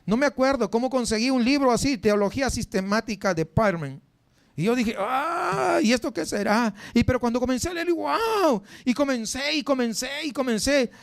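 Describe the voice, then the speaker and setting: A man preaching in a high, light voice, close and dry with no room echo. He tells stories to his congregation in a chatty way and keeps asking them questions. His preaching style is animated and informal. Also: fairly quick. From Mexico. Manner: conversational, animated storytelling with many rhetorical questions and filler words. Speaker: pastor. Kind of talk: sermon.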